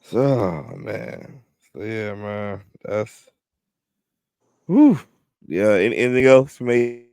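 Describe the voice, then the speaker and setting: A man's voice: fairly low pitch, expressive, extremely slow, pauses often, a little mellow, clean tone, dry recording, studio quality. Man with a robotic glitchy call voice. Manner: trailing, hesitant filler words. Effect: robotic, breaking-up call audio. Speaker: podcast co-host. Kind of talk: casual chat. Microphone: video call.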